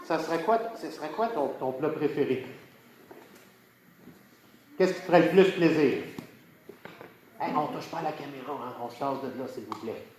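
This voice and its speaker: A man's voice: fairly high pitch, moderate pace, long pauses, a little mellow. A man with a Quebec French accent doing playful, teasing magic show patter as a children's party magician, coaxing the kids along with short questions. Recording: echoey room, audible background noise.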